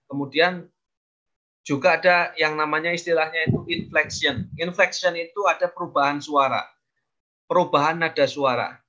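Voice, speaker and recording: A man giving casual public speaking advice in a webinar, explaining with frequent fillers and pauses. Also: a little high, fairly even intonation, pushed and bright. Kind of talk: webinar coaching talk. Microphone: video call. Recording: dull lo-fi video call audio.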